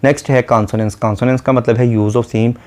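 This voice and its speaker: Male literature teacher with a mid-range voice who reads poetry slowly and then explains it step by step. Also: medium pitch. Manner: reads verse lines slowly, then paraphrases and explains them; steady methodical listing. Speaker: literature lecturer. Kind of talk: explanatory lecture.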